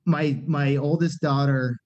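A middle-aged man, a punk band singer appearing as a podcast guest, rambles candidly with lots of fillers and restarts. His nasal voice sits a little high and sounds darkish, with fairly even intonation and an unhurried pace. The casual podcast chat comes through on a dull lo-fi recording.

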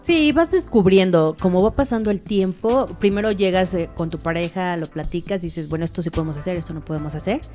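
A woman's voice: fairly low pitch, a little fast, hardly any pauses, mellow. A Mexican woman hosting a podcast in casual, conversational talk. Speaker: podcast host. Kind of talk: casual chat. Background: faint music.

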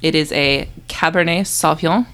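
A woman co-hosts a casual podcast in a low voice. She has a mild cold, so her speech sounds congested, as if through a stuffy nose. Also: lively intonation, measured pace. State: mildly sick with a cold. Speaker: podcast co-host.

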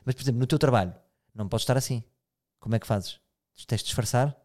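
A man's voice: mid-range voice, fast talker, darkish tone. A man with a European Portuguese accent hosting a casual chat, asking probing, reflective questions.

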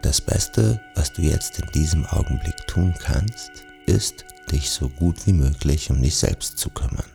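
A man narrating a guided sleep meditation in a soothing, gentle manner, speaking softly and directly to the listener. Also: very deep voice, animated, measured pace, gravelly, hardly any pauses, over music.

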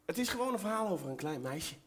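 A woman's voice: fairly low pitch, big pitch swings, fast. A woman telling a children's story on a live stage, patient and playful, explaining things simply. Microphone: headset mic.

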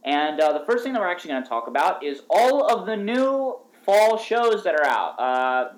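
A man's voice: sits high, very animated, normal speed. Male podcast host, casual group chat, audio muffled like it's underwater.

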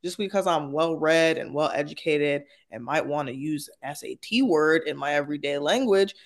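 A man's voice: a little high, normal speed. A man speaking as a panel guest, casual and opinionated, articulate and emphatic, peppering points with "like" and "right?".

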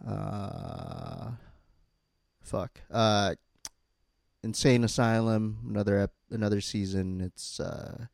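A man's voice: on the low side, steady tone, slow, gravelly, darkish tone, no room sound, clean studio sound. A man chatting casually as a podcast co-host, hesitant and laughing often. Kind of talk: casual chat.

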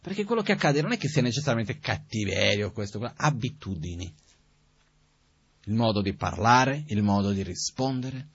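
A man giving a Buddhist teaching in a calm, conversational way, asking rhetorical questions as he goes. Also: lowish voice, moderate pace, slightly rough. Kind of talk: spoken dharma teaching. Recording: dull, dry, lo-fi recording.

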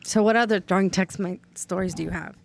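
A woman's voice: on the low side, brisk, creaky. A woman co-hosting a podcast in casual chat, blunt and teasing. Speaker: podcast co-host.

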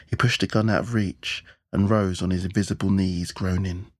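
Deep, husky male audiobook narrator. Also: little pitch movement, moderate pace, no echo, studio quality. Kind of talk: scripted narration.

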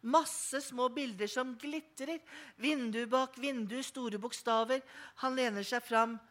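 A woman reading a children's book aloud in an expressive, playful storytelling manner. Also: on the high side. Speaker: reader.

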